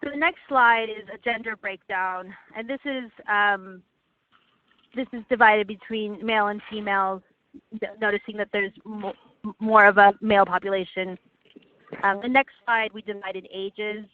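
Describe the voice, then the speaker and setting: A woman presenting slides in a webinar over a phone line, earnest and halting with frequent restarts. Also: mid-range voice, fairly even intonation, dry recording. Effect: heard over a phone line. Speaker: webinar presenter for a legal aid project. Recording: tinny, dry phone line.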